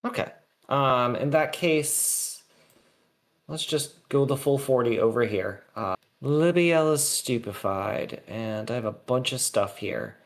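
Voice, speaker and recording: Casual mid-pitched male game player. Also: animated, takes it slowly. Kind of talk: casual game-table chat, thinking aloud.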